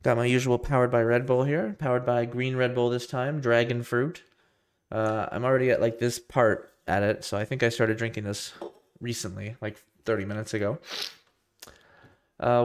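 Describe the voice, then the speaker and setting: A man's voice: mid-range voice, steady tone, normal speed, smooth. A young man talking casually to his live stream while getting over a cold, his voice nasal and his talk loose and rambling. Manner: rambling, loose and self-deprecating, many restarts. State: tail end of a cold. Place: home room with a computer rack.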